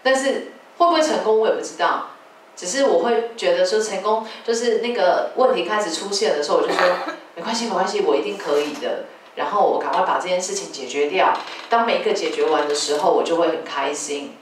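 Animated woman talking in an echoey hall. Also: lowish voice, a little fast. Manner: lively storytelling, animated retellings of quarrels. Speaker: artistic director of a dance company. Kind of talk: public talk. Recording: echoey hall from far off, faint noise.

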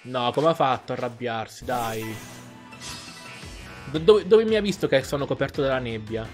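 Animated and speaking at a normal pace, this man has a mid-range voice. As a gaming YouTuber giving casual let's play commentary over faint game music, he chats, thinks aloud, and exclaims in reaction to what happens as he plays.

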